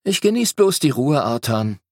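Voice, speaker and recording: A man voices a cheerful, dreamy young boy in a storybook, sounding content and pitched above his own natural voice. His mid-range voice is a little mellow with big pitch swings at a moderate pace, recorded with clean studio sound and no room sound.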